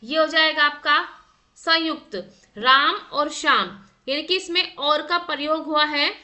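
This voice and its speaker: Woman teacher going through quiz questions, high pitched and really bright, asks then answers herself. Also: steady tone, a little slow. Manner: quizzing, reads out options then asks for the answer; corrects herself aloud, thinking through answers. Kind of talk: exam practice lesson.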